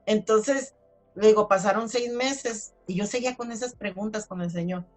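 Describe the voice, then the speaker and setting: A woman's voice: medium pitch, moderate pace, faint music behind. A woman telling her own religious testimony in a chatty, casual way, full of fillers. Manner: chatty storytelling with many fillers. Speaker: testimony speaker.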